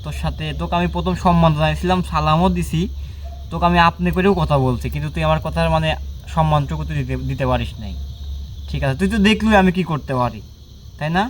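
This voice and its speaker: A man's voice: fairly high pitch, quick pace, a little hiss or hum. A man working as a ghost hunter, confronting an unseen spirit at night with commanding, scolding talk and repeated short orders. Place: outdoors at a bamboo grove at night.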